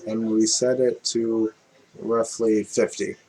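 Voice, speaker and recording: Guy doing a chill music tutorial, slow and easygoing, lots of ums and self-corrections, music in the background. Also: lowish voice. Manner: relaxed, thinking aloud with fillers and self-corrections. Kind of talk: casual screen-recorded music tutorial.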